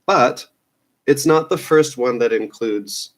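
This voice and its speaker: A man's voice: mid-range voice, slow. A man hosting a casual news roundup, rambling and offhand, with lots of fillers and restarts. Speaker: news show host.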